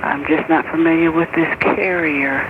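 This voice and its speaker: A woman's voicemail message played back over a thin, phone-like line, with steady noise under it. Her voice sits very low for a woman and she talks slowly, pausing, fumbling and apologizing as she goes. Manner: flustered, hesitant, apologetic. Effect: recorded phone voicemail message. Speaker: sales caller. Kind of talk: leaving a voicemail.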